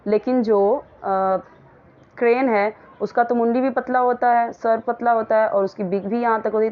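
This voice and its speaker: A woman's voice: mid-range voice, lo-fi sound. Woman teacher explaining English in Hindi. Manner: reads English slowly and clearly, then explains at length in chatty Hindi.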